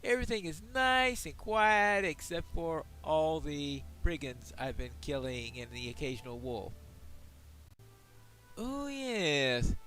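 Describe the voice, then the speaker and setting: A man's voice: a little high, animated, slow, bright, forceful tone, soft background music. A man giving casual solo game commentary, musing aloud to himself with wry asides. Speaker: gameplay host and player.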